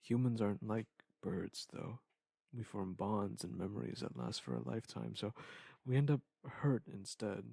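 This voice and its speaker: In an intimate scripted audio monologue, a man plays a wistful ex-lover leaving a goodbye message that plays like an audio drama confession. His low, gravelly, warm voice is fully in character, expressive yet halting, sad and reflective. It is recorded close and dry with no echo.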